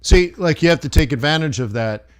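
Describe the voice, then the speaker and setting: A brisk, clean-toned man with a voice on the high side and lively intonation runs a live trading stream. He responds to viewers in casual chat, loose and chummy, wandering off topic and frequently starting over.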